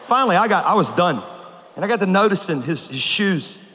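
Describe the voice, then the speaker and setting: A man preaching a comedic sermon to a large crowd, telling stories with animated bursts of shouting. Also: high voice, brisk. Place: large auditorium with a live audience. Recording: long hall reverb, faint ambience.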